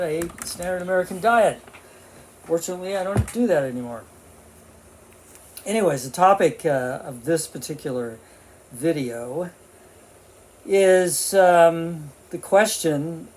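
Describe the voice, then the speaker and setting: A man's voice: on the high side, darkish tone, a little hiss or hum. Rambling man in his seventies. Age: 70s. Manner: rambling, with many fillers and restarts; talking with his mouth full while eating. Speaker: vlogger. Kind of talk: casual vlog monologue.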